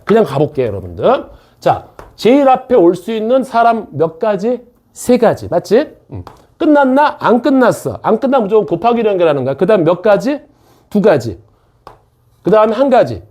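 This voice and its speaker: A man's voice: sits high, mellow. A man teaching a math class, lecturing to students in a classroom, repeating key phrases and often checking that they follow. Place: tutoring academy classroom.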